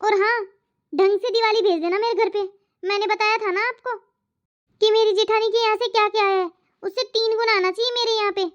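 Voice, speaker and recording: A woman's voice: very high voice, fairly even intonation, fairly quick, muffled recording. A woman voicing a greedy, demanding young married daughter in a Hindi cartoon moral story. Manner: demanding, bossy.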